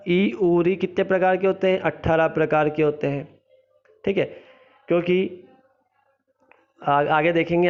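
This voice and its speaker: A male teacher, explaining a grammar lesson and repeating each point as a question he then answers. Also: on the high side. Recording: slightly dull, lo-fi recording.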